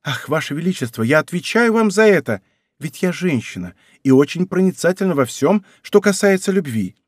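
A man's voice: on the high side, very animated, moderate pace, dry recording, clean studio sound. A man voicing an impassioned young noblewoman who pleads with her royal lover in an audiobook. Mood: urgent. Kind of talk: audiobook character reading.

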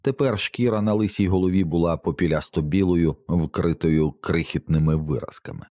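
Male narrator, very deep voice, dry close sound, steady measured reading. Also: dry recording. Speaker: audiobook narrator. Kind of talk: scripted narration.

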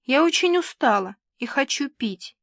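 A woman voicing a touchy young pregnant bride who speaks in a soft, cooing, plaintive way in an audiobook. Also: sits high, expressive, normal speed, gravelly, no echo, clean studio sound, pitched above the performer's own voice, heavily acted. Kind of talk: audiobook dialogue reading.

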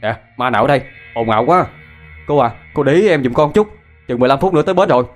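A man voicing an impatient male bus conductor who talks loudly and brusquely. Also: medium pitch, lively intonation, rapid-fire, soft background music, pitched above the performer's own voice, close to an everyday voice. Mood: annoyed. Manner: loud, brusque.

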